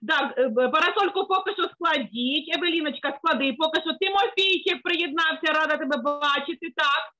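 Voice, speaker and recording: A woman's voice: high-pitched, brisk, few pauses, low-quality recording. A woman leading young children through a finger-exercise lesson over a video call, coaxing and sing-song, with constant praise. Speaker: children's teacher.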